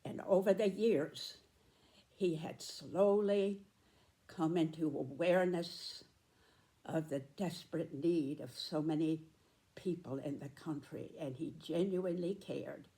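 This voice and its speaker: A woman in her nineties giving a reflective spoken commentary, with deliberate, emphatic phrasing and pauses. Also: sits low, dark tone. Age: 90s.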